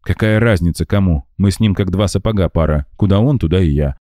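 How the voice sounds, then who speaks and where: A man voicing a calm, thoughtful young woman in an audiobook, barely changing his voice. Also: deep voice, fairly quick, no room sound, clean studio sound, close to an everyday voice. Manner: composed, thoughtful.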